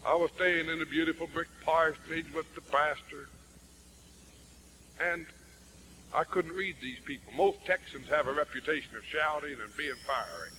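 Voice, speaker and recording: A traveling evangelist spins a folksy, humorous sermon story in a fairly high male voice. He talks in lively swings, and faint noise hums behind him. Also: moderate pace, poor audio.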